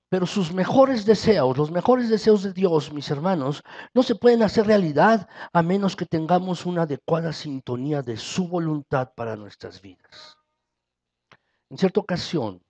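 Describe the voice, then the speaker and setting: A man's voice: a little high, a little mellow, husky, dull audio. A man with a Mexican Spanish accent preaching a sermon as pastor, his voice rising for emphasis.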